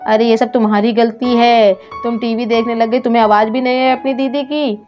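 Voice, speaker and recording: A woman's voice: on the high side, flat delivery, brisk, faint music behind, close to an everyday voice. A woman voicing a worried grown man who pleads with a doctor and grumbles about her fee, in a doll story. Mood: scolding. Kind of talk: doll story role-play. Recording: dull lo-fi sound.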